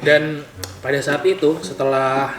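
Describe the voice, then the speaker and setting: A man eats while hosting a podcast, sometimes with his mouth full, speaking in a slightly high voice with a level tone at a measured pace. The talk is a casual chat over food. An echoey room and background music frame the recording.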